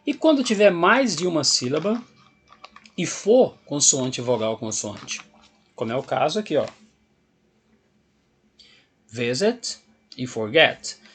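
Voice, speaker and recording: A man with a Brazilian Portuguese accent gives an English grammar video lesson in a slightly high, sing-song voice that is fairly bright and a bit rough. He talks slowly with frequent pauses, patiently explaining each step and restating the rules.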